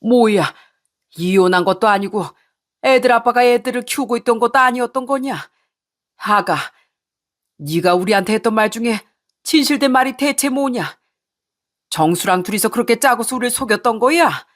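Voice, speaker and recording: Give me a woman playing an angry elderly father in a story, shouting questions at a high pitch. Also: moderate pace, lightly acted. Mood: shocked, furious. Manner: indignant, demanding questions.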